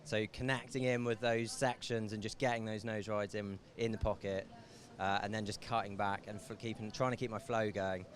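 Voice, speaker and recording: A man's voice: fairly low pitch, little pitch movement, normal speed. A man from England, a surfer, answering a post-heat interview on the beach in an easygoing way with frequent fillers. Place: beach, outdoors.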